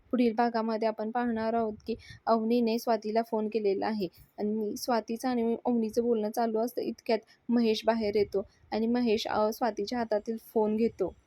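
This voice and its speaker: A woman serial reviewer narrating an episode recap in a steady storytelling manner. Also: fairly high pitch, dry recording. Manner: storytelling, steady retelling of scenes.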